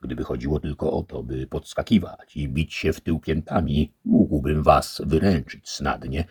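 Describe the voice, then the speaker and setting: A man voicing an earthy, joking squire who teases loudly. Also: a bass voice, moderate pace, breathy edge, no echo, studio quality, heavily acted. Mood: teasing. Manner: loud, teasing, laughing.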